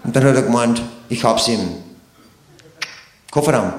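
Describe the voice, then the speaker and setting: A man's voice: medium pitch, unhurried. A man telling a stand-up story in a cheeky, mock-innocent way. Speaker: comedian. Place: stage before a live audience. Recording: echoey stage, crowd and noise.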